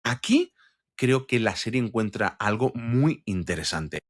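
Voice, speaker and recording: A man hosts a scripted series review. His voice sits at a middle pitch but swings widely as he stresses his points. The delivery is animated and emphatic. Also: measured pace. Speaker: host of a series review show.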